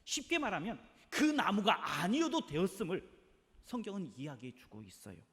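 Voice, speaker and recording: Male pastor, somewhat high voice, dramatic sermon delivery, long hall reverb. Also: wildly swooping pitch, normal speed. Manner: dramatic, swinging between hushed asides and loud emphasis. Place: church sanctuary.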